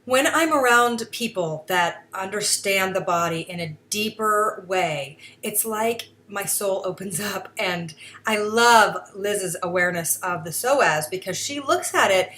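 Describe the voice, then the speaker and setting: A woman's voice: mid-range voice, lively intonation, measured pace, pushed and bright, a little hiss or hum. A woman hosting her own podcast segment, talking earnestly in a rambling, casual way with many fillers and restarts. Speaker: podcast host. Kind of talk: casual solo commentary.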